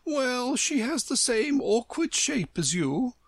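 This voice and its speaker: A woman's voice: a little high, very animated, slow pace, breathy edge, dry recording, pitched above the performer's own voice, exaggerated voice. A woman voicing a critical, condescending talking flower with a severe manner in a storybook. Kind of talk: storybook character voice.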